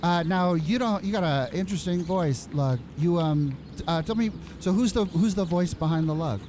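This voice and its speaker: A man's voice: high-pitched, moderate pace, background noise. A man hosting a casual comic interview, hesitant and bemused, often stammering and restarting. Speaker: show host.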